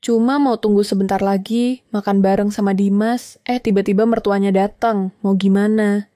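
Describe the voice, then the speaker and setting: A woman's voice: mid-range voice, steady tone, normal speed, no echo, clean studio sound, natural voice. A woman reading a meek, tired older mother. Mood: weary. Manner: soft and careful. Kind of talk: storybook narration.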